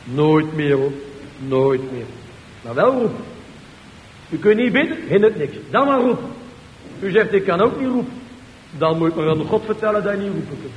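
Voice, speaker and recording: A man preaching a sermon with fervour, asking rhetorical questions and swinging between loud and hushed. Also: sits high, very animated, brisk, pauses often, highs cut off. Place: church. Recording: echoey church hall with faint hiss.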